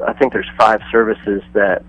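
Male musician phoning in to a radio show, deeper voice, dry phone sound, loose rambling storyteller. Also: steady tone, normal speed, no room sound, muffled recording. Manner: rambling storyteller acting out quoted people. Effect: over the phone. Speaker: touring musician guest. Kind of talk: casual radio phone interview.

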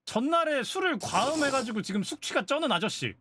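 A woman streamer chats casually, exclaiming and guessing aloud in a playful way. Her pitch sits a bit high and swings widely. Clear noise runs under her voice throughout the stream. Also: sing-song, fairly quick. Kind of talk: casual live-stream chat.

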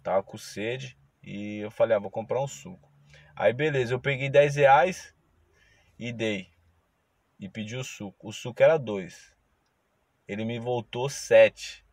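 A man, a driver telling a story in a casual vlog, moralizing and slow. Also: mid-range voice, no room sound. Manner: moralizing, preachy, slow and drawn out. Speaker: ride-hailing driver.

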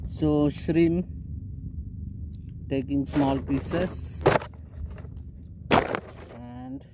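A man's voice: on the high side, expressive, drawn-out words, creaky, noisy background. A middle-aged man chatting casually to viewers as he fishes from a small boat, filming on a phone held at arm's length, with boat and water sounds behind. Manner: chatty, addresses viewers as guys, simple phrasing. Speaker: fishing vlogger. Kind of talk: casual narration while fishing. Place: outdoors on a small boat at sea.

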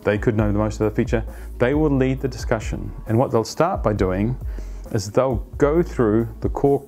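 A man in his fifties explaining a team planning practice to camera as an agile coach, conversational and animated, on a lapel mic in a plain studio. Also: medium pitch, normal speed, soft background music. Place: plain studio against a light wall.

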